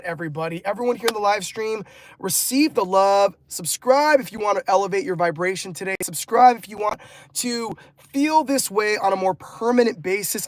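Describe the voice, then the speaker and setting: Reading chat comments aloud on his motivational live stream, this Los Angeles, California host and coach stays effusive and upbeat, laughing a lot and repeating words. His voice sits high, and there's no echo.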